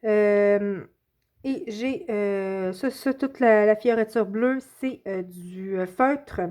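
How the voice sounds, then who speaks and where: A woman's voice: mid-range voice, takes it slowly, warm tone. A woman casually showing her finished coloring pages, hesitating often and correcting herself. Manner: hesitant, many filler sounds and self-corrections. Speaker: coloring channel host.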